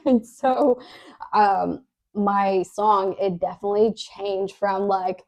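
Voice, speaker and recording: A woman with a medium-pitched, slightly mellow voice talks slowly, her tone steady and touched with vocal fry. Co-hosting a podcast, she tells her story in an easygoing, hesitant way, full of fillers, restarts and frequent little laughs.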